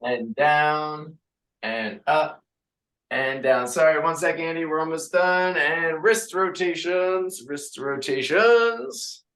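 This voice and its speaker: A man's voice: fairly high pitch, slow, a bit bright. A man coaching a group workout class, counting out reps and chatting and joking with the class between exercises. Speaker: fitness coach.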